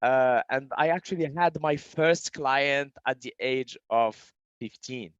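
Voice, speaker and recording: A man's voice: medium pitch, unhurried, clean tone, no echo, highs cut off. A man in his thirties from Morocco, answering interview questions casually with many fillers and restarts. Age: 30s. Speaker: guest entrepreneur.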